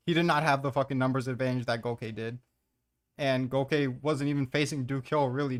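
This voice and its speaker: A man with a mid-pitched voice hosts a casual commentary ranking manga. Blunt and opinionated, he rants with open exasperation and sprinkles in plenty of swearing.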